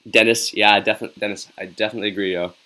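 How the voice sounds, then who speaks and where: Reacting to a hockey game on his live stream, this young male host reads out viewer comments in an upbeat, chatty way, pumping up the crowd and saying "yo" a lot. His voice sits on the low side, steady, bright and forceful, and he talks very fast.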